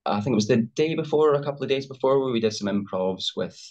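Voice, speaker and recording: On dull, lo-fi video call audio, a young actor from Scotland talks in a casual interview. His mid-range voice is expressive and a touch mellow, and he talks fast yet hesitantly, often filling pauses and restarting.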